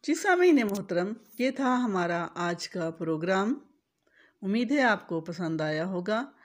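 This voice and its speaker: A woman's voice: medium pitch, sing-song, a little slow. A woman teaching correct pronunciation, spelling out vowel marks letter by letter and repeating each word. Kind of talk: slow, deliberate instructional explanation.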